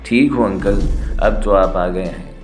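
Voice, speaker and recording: A man reading a frightened young girl's lines in an audio story, in a soft, pleading voice, with soft music underneath. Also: sits low, natural voice. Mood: scared. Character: young girl, innocent and frightened.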